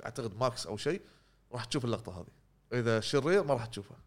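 A man talks very fast in casual gaming podcast chat. He rambles, trailing off mid-word and restarting often, at a middling pitch. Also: lively intonation. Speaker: podcast co-host.

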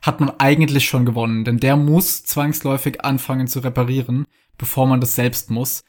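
A man's voice: mid-range voice, level tone, brisk, darkish tone. A man hosting a podcast, posing long, structured questions about game strategy. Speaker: host. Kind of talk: podcast interview.

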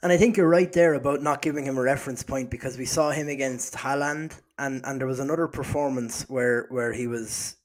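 A man's voice: mid-range voice, fairly quick, hardly any pauses. A man co-hosting a football podcast, talking in a casual chat with frequent restarts and repeated words. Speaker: podcast co-host.

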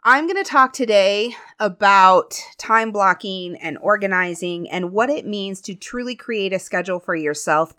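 A woman's voice: on the low side, a bit bright. A woman hosting her business podcast in an upbeat, chatty way, sometimes getting emotional. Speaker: podcast host. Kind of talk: casual podcast talk.

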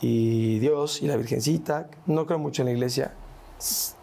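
Gravelly Mexican man telling a story. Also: mid-range voice, moderate pace, dark tone. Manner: slangy, tags lines with "¿no?" and "güey". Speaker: interview guest. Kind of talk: casual storytelling interview.

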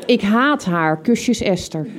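A woman's voice: mid-range voice, animated, slow, background noise. A woman reading entries from her teenage diary aloud in a reflective way, now and then laughing at what she once wrote.

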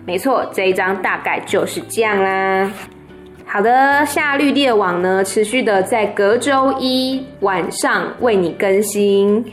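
A woman's voice: mid-range voice, measured pace, soft background music. A woman with a Taiwanese Mandarin accent reading a children's story aloud with playful, laughing asides. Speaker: storyteller host.

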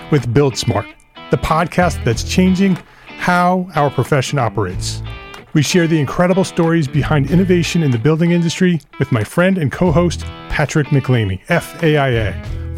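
A podcast host with a slightly high, darkish voice delivers scripted introductions and interview questions in an emphatic, promotional manner.

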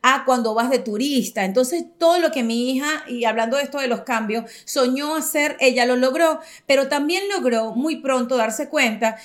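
Venezuelan woman, 40s, podcast host, high voice, emphatic and chatty. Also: moderate pace, hardly any pauses. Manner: expressive and emphatic, talks straight to listeners. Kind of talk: casual podcast chat.

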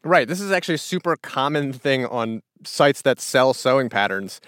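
A man's voice: medium pitch, animated, moderate pace, a bit bright, clean tone, no echo, studio quality. An American man speaking as a playful, conversational podcast co-host. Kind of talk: conversational radio hosting.

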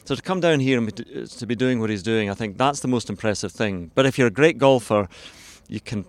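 A man's voice: medium pitch, brisk. A man chatting as a golf pundit, with a wry, rambling way of making his points. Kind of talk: casual studio discussion.

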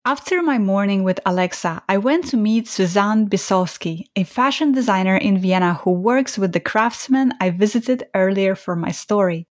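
A woman from Estonia, a native Russian speaker, hosting a travel show with slow narration and curious questions. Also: medium pitch, animated, no room sound.

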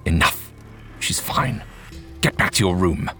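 A cold, contemptuous gentleman of the manor, as a male narrator puts him on in a low voice. He speaks slowly and with open scorn. Soft music plays faintly behind him. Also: animated, heavily acted. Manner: sneering and contemptuous.

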